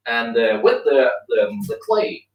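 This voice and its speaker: A man's voice: medium pitch, very animated, unhurried, reverberant, far from the mic, lo-fi sound. A man with a Danish accent chatting casually and joking, full of likes and little laughs. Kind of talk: casual chat.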